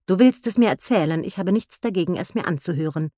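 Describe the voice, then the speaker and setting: A detached, wry older husband from an audiobook, played by a woman narrator, speaking a little lower and softer. His lines come out flat and understated. The recording is dry. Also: quick pace, no echo.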